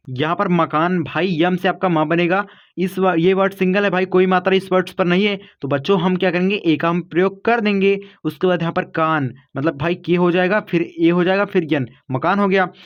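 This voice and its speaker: A man's voice: sits high, steady tone, moderate pace, muffled recording. A man teaching an online spelling lesson, explaining patiently step by step and calling his viewers kids and guys.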